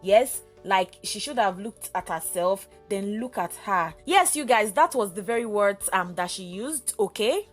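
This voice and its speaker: A woman's voice: medium pitch, animated, a little slow, few pauses, soft background music. A woman with a Nigerian accent, chatting casually as a vlogger and filling her talk with um and you know. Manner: chatty, gossipy, full of fillers like um and you know. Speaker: vlogger recapping a reality show. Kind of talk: casual chat.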